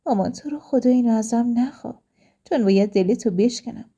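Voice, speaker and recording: A woman's voice: fairly high pitch, mellow, husky. A woman voicing a young adult daughter who speaks earnestly and firmly in a told story. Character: young woman, daughter, cheerful but firm.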